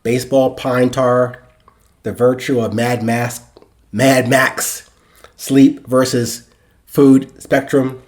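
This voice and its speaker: A man in his sixties hosting a podcast, telling a reflective first-person story and acting out the dialogue. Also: medium pitch. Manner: reflective, acts out dialogue in quotes. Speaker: podcast host.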